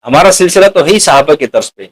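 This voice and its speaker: A man with a high-pitched voice delivers a sermon. He keeps putting rhetorical questions to his listeners and calls them dear companions. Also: expressive, low-quality recording. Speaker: preacher.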